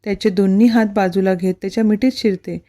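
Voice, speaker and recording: A woman narrating a romance story in a steady, expressive reading. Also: medium pitch, fast talker.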